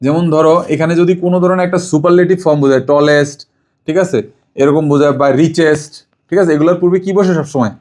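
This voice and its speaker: A man's voice: fairly high pitch, fairly even intonation, fast, darkish tone. A man teaching English grammar to a child, asking questions and repeating the answers. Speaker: English tutor. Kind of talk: home tutoring lesson.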